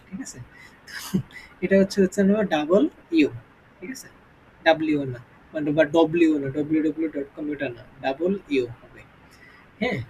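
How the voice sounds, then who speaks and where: A man teaching English pronunciation in an informal spoken lesson, explaining slowly and often checking in with the student. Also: high-pitched, a little mellow, a little hiss or hum, low-quality recording.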